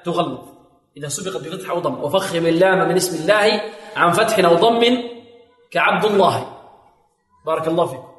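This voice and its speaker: A man teaching the rules of Quran reading in a recorded lesson. He puts questions to his students and answers them himself, and he slows down to model words as they are recited. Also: fairly high pitch, a bit bright. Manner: asks students questions and answers them himself, often repeating "may God bless you". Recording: echoey hall recording.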